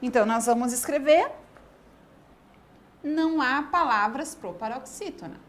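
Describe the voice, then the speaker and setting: A woman teacher from Brazil giving an online grammar lesson, dictating words slowly and asking the class questions. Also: high-pitched, slight background noise. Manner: slow, drawn-out word-by-word dictation.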